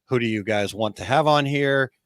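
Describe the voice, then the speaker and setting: A man co-hosts the show and interviews a guest, teasing her playfully and laughing often. His voice is average in pitch, and the recording is dry with almost no room sound. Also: normal speed, fairly bright tone, smooth, dry recording. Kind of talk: casual interview chat.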